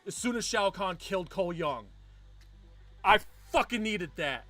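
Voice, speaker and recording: Excitable high-voiced man hosting a chat. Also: a little slow, over music. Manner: excitable, bursts into loud cheers. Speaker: show host. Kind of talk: casual live-stream chat.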